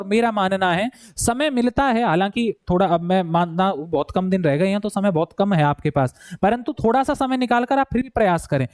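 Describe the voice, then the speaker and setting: A man coaching students for a Hindi exam, calling them "bhai" and slowly repeating words to show how they are pronounced. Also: extremely high pitch, no echo, clean studio sound. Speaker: exam prep teacher. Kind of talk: explaining Hindi grammar for an exam.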